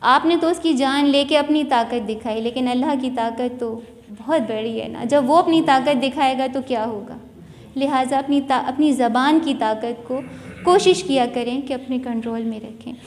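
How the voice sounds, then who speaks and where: A woman's voice: sits high, moderate pace. A woman giving an earnest, preachy moral lecture with a Sindhi-region Urdu accent, stressing her key lines. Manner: earnest, preachy, rising emphasis. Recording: long hall reverb.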